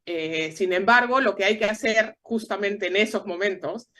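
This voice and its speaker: A woman from Peru with a Peruvian Spanish accent, a guest explaining things in measured interview answers with frequent tag questions. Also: medium pitch, fairly bright tone. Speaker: guest analyst.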